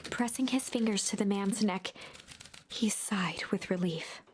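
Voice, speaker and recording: A woman giving steady scripted narration for a story game. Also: mid-range voice, measured pace, slight background noise.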